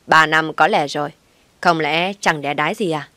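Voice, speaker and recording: A woman voicing a sharp-tongued, contemptuous older mother-in-law in an audio story, scolding loudly. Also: low-pitched, fairly even intonation, moderate pace, no room sound.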